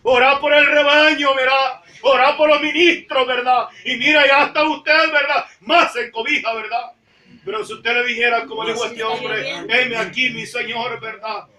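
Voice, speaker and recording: A woman preaching a sermon in a church, fervent, tagging nearly every phrase with a call to the congregation and rising to shouts at the high points. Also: steady tone, moderate pace, echoey room, distant mic. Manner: fervent, repeats "hermano, ¿verdad?" after nearly every phrase; rises to shouting at emphatic points.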